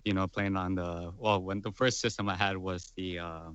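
A man's voice: sits low, steady tone, normal speed, fairly bright tone, clean tone, no echo, lo-fi sound. A man in his twenties, a guest musician, talking in a rambling casual way with lots of fillers. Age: 20s. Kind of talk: casual chat.

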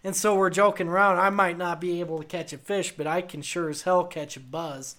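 A man from Wyoming co-hosting a podcast, telling stories in casual chat, animated and swearing freely. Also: high-pitched, a little fast. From Wyoming, USA. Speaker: podcast co-host.

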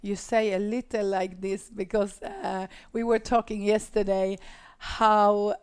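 A Swedish woman hosts a studio interview, speaking slowly and hesitantly with lots of "uh"s and encouraging "mm-hmm"s. Her medium-pitched voice stays fairly even and is a little mellow, with a clear, resonant tone.

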